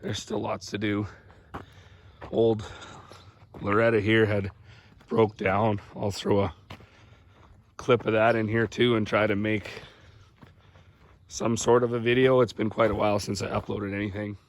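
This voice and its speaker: A young man from Canada, a farmer, talking casually in a rambling, folksy, plain-spoken way while hoarse from losing his voice, outdoors on his farm. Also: lowish voice, flat delivery, measured pace, long pauses. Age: young adult. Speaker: farmer vlogger.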